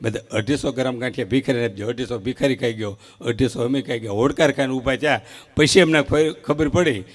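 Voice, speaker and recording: A man doing live comic storytelling at a folk stage show, acting out short quoted exchanges with lively timing. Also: mid-range voice, a little fast. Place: live outdoor stage event before an audience.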